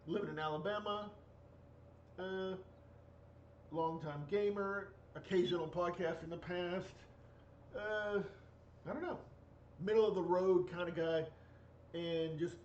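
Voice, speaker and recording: A man in his forties talks in a halting, filler-heavy way, his voice pitched a bit high. He sits back from a muffled mic in an echoey room, with a faint hiss underneath. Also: fairly even intonation, far from the mic. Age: 40s. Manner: hesitant, many fillers and restarts. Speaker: podcast co-host. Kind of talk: casual chat.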